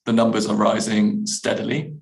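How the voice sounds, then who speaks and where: Male editor, low gravelly tone, hesitant Q&A answers. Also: monotone, normal speed, low-quality recording. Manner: hesitant, many restarts and fillers. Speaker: app editor answering questions. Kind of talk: webinar Q&A.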